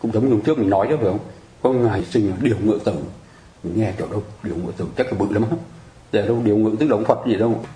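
Man, Buddhist teacher, patient and chatty explainer, low relaxed voice, roomy echo. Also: racing. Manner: patient, explanatory, keeps asking listeners to agree. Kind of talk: conversational teaching on mudras and mantras.

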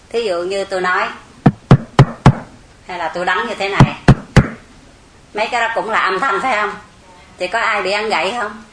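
A woman gives a Zen dharma talk, explaining patiently and putting rhetorical questions to her listeners. Her voice is bright and rings in an echoey temple hall. A faint hum sits behind her. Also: medium pitch. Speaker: Buddhist Zen teacher.

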